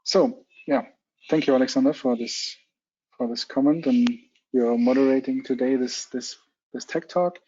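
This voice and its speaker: Mellow male organizer closing an online talk. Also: mid-range voice, moderate pace, slightly rough. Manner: formal, courteous closing remarks. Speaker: event organizer. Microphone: video call. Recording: slightly muffled call audio.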